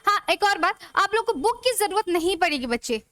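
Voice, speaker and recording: A woman's voice: extremely high pitch, sing-song, brisk, a bit bright, dry recording, studio quality. A young woman teaching an online grammar class, chatty and asking her students rhetorical questions as she goes. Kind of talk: live online class lecture.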